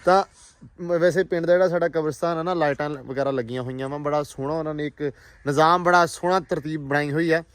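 A man's voice: on the high side, quick pace, smooth, no room sound. A man with a Pakistani Punjabi accent chatting casually as a vlog host, exclamatory and teasing. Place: outdoors on a village farm.

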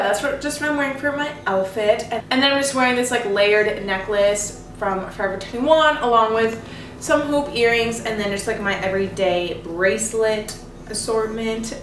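A young woman with a fairly high voice talks through her outfits in a bubbly, gushing sorority-girl way. It is casual vlog chat, recorded in an echoey room a little way from the mic. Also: a bit bright, far from the mic, slight background noise. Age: young adult. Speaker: vlogger. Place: small indoor room in a home, standing before a door. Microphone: camera mic a few steps away.

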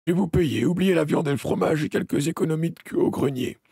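A man voicing a grieving older farmer who pleads in a raised, higher voice. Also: fast, creaky, warm tone, slightly rough, no echo, clean studio sound. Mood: pleading.

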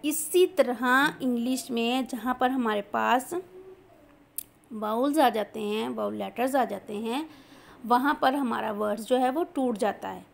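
A woman teacher, slowly explaining a lesson and spelling out words letter by letter. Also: a little high, gravelly.

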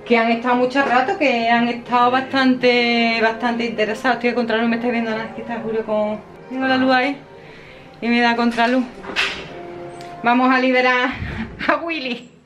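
A woman's voice: on the high side, little pitch movement, normal speed, fairly bright tone, soft background music. Chatty middle-aged woman vlogging. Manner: chatty, talks straight to viewers, laughs often. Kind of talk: casual vlog chat to camera. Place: at home, indoors.

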